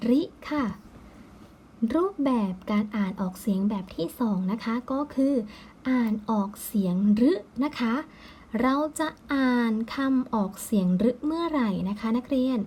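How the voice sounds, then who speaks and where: Patient woman teacher with a mellow voice. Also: fairly high pitch, a little hiss or hum. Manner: patient, slow, ends phrases with polite particles. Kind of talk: recorded classroom lesson.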